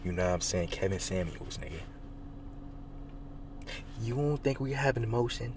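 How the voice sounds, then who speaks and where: A young man vlogging around town on a handheld phone camera. His talk is laid-back and slangy, and his pitch jumps around a lot. There is a faint hiss behind him. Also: lively intonation, moderate pace. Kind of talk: casual vlog chat. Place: out and about in a city, then a casino.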